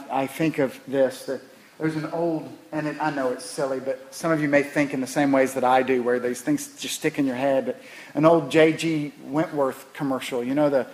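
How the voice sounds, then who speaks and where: A middle-aged man preaching a sermon in a somewhat high voice. He repeats key phrases for weight, dropping to near-whispered lows and climbing to loud, emphatic peaks. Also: rough recording. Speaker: pastor.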